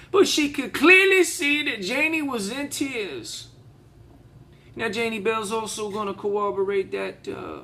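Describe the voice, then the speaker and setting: A male actor performs a Southern courtroom lawyer with a honeyed, theatrical drawl. The voice sits strikingly high for a man and has a bright, forceful edge. Phrases get deliberately repeated to press the case on judge and jury. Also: full character voice. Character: folksy, impassioned Southern male defense lawyer addressing a jury. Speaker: auditioning actor. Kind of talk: audition monologue, courtroom speech.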